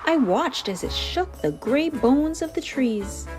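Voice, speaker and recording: Over background music, a woman narrates a children's storybook in a high, sing-song voice at a slow pace. As host, she lays playful, exaggerated emphasis on the descriptive words.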